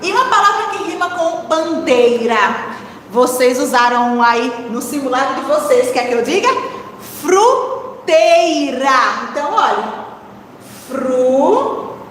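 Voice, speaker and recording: A woman's voice: sits high, lively intonation, a bit bright. Woman, teacher, patient syllable-by-syllable lesson for children; long hall reverb, faint noise behind. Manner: slow, spelling out syllables to children; encouraging, asks the class questions. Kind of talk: primary-school literacy lesson. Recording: echoey room with long reverb.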